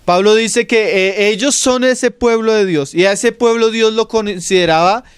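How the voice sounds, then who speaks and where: A middle-aged Colombian man preaching a Bible study, calling listeners "brother", checking in with quick questions, and letting phrase endings fall to a whisper. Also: high-pitched, smooth, no room sound. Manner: addresses listener as "hermano", asks "¿sí?" checks, trails off into whispered endings. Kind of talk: expository Bible teaching.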